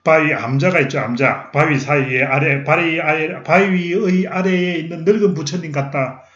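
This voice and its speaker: A man's voice: fairly high pitch, normal speed, a bit bright. A middle-aged man giving a recorded history lecture, asking questions and then answering them himself. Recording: roomy, slightly dull lecture recording.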